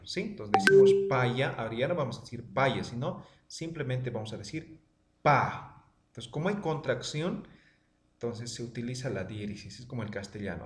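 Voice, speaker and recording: Man, language teacher, online lesson, animated pitch, repeats drills, roomy echo. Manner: drilling words with rising then falling pitch, checking in often.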